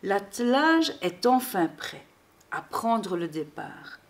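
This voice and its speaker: Slow, expressive woman reading a children's story. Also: mid-range voice, a little hiss or hum. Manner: expressive, measured. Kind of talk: children's storybook read-aloud.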